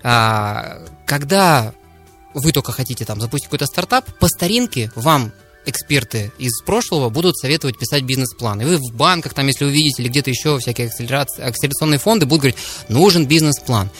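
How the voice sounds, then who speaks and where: A man's voice: medium pitch, animated, quick pace, a bit bright, soft background music. A man speaking as an expert guest in a radio studio interview, explaining things step by step to listeners. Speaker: studio guest, serial entrepreneur.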